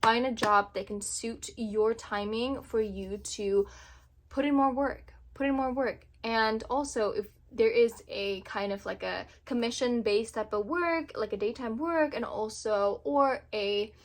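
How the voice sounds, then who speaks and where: A woman in her twenties from Indonesia, chatting casually to camera as a vlogger, animated and laughing often. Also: fairly high pitch, measured pace. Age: 20s.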